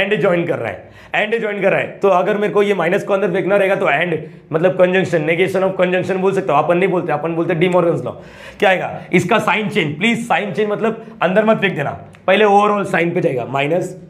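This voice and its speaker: High-voiced man teaching math. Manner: colloquial, asks students frequent check questions. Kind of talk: classroom lecture.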